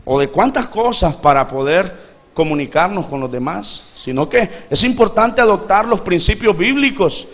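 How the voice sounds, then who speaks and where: A man's voice: high voice, expressive, moderate pace, highs cut off. A man pastor from Honduras preaching a sermon, calling for responses from the congregation and acting out pleading voices from the story. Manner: acts out pleading voices from the parable.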